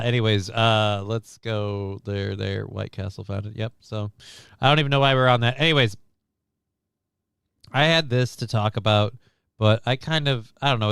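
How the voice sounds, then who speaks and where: A man's voice: fairly low pitch, fairly bright tone, smooth, dry recording, studio quality. A man co-hosting a casual chat show, rambling and sarcastic, with plenty of swearing. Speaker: co-host.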